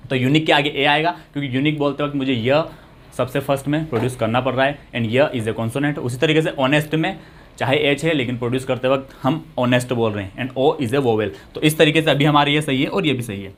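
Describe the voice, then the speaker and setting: A man gives an explanatory English grammar lesson. He speaks patiently in a mid-pitched voice. He keeps asking rhetorical questions and answering them himself. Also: a little fast. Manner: patient, asks and answers his own questions. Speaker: English teacher.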